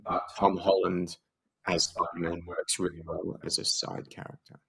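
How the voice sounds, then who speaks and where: A man's voice: low-pitched, flat delivery, moderate pace, creaky, fairly bright tone, husky, poor audio. A man co-hosting a podcast as a mock awards show, playful and rambling, with many fillers. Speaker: podcast co-host.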